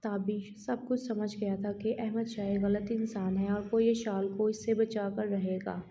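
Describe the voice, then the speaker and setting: A woman narrating an audio novel in a steady, plain reading voice. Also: mid-range voice, dull audio, a little hiss or hum.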